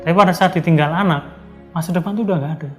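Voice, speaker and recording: A man, a bereaved father, giving his testimony in a quiet, subdued way. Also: fairly high pitch, rapid-fire, faint music behind. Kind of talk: testimony interview.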